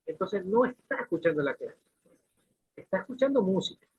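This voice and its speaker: A man with a high, very animated voice speaks at a normal pace, sounding a little mellow and slightly rough. He's giving a classroom lecture, using questions and everyday examples and often restarting sentences, captured on a lo-fi, phone-like recording.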